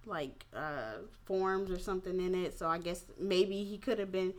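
Female host, low register, mildly tipsy, blunt and informal, opinionated conversational delivery. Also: normal speed. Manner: candid, profane, informal slangy phrasing. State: a little tipsy. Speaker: podcast host. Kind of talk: casual opinionated talk.

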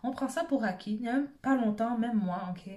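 A woman's voice: fairly high pitch, fairly quick, darkish tone, slight background noise. A woman with a Quebec French accent giving an informal motivational talk as a self-help coach, conversational and often checking in with short tag questions.

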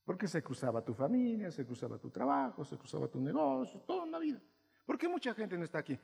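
A male pastor preaching to his congregation, asking them questions and swinging between quiet asides and loud, emphatic bursts. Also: high-pitched, very animated, quick pace, creaky, breathy edge. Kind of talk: sermon. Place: church hall. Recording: long hall reverb.

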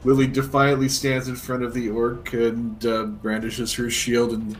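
A man's voice: medium pitch, completely flat delivery, measured pace. A man talking casually as a player in a tabletop role-playing game.

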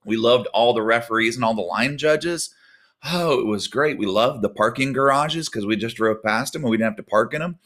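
A man, a volleyball coach giving a casual devotional talk with prayer, animated and conversational with many fillers. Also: mid-range voice, brisk. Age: 40s.

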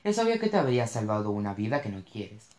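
A man's voice: on the low side, big pitch swings, fast, a little mellow. A narrator voicing a rich young male actor who talks in a cocky, teasing way. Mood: teasing, blunt. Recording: roomy echo.

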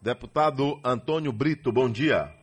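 A Brazilian radio host conducting an interview, asking chatty leading questions. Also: male voice, mid-range voice, normal speed, husky.

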